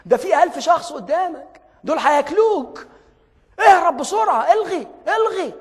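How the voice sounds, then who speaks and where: A man's voice: extremely high pitch, lively intonation, a little fast, voice pushed up. A man with an Egyptian accent voicing his own frantic inner voice of self-doubt, urgently pleading with him to run away. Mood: panicked. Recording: long hall reverb.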